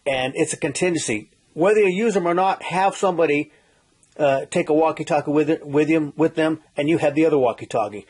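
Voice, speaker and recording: Fairly high-pitched, slightly mellow and a bit rough, the voice belongs to a middle-aged man teaching survival skills at a slightly quick clip. He keeps it folksy and informal, restarting often, saying "uh," and repeatedly checking in with "okay?"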